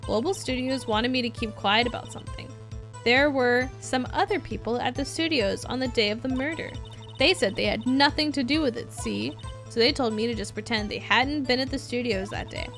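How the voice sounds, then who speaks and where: A cranky old woman witness, played by a woman streamer, folksy and indignant, with a high voice. She sounds like a defiant video game character, with music behind her. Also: moderate pace, a bit bright. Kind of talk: reading video game dialogue aloud.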